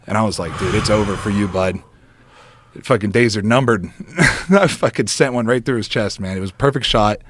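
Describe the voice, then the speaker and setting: A man, a podcast guest, telling a story in an animated, profane way and acting out the quotes. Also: lowish voice, normal speed, noisy background.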